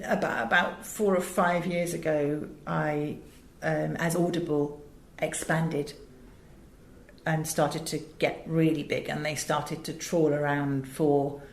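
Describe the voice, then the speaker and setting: A middle-aged Englishwoman, an audiobook director and producer, answers interview questions conversationally with a British accent, telling stories emphatically and adding frequent asides. Her voice is low-pitched, level, and slow. The room has a roomy echo and faint background noise.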